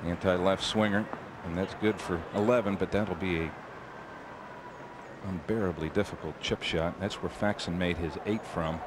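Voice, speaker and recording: A male golf commentator giving measured live tournament commentary in short descriptive phrases. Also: low-pitched, fairly even intonation, background noise.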